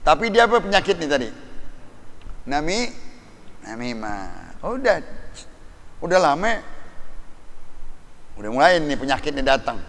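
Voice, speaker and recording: A man's voice: a little high, moderate pace, long pauses, long reverb tail. A man preaching a sermon, telling stories animatedly and quoting Arabic sayings. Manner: animated, colloquial storytelling with Arabic quotations.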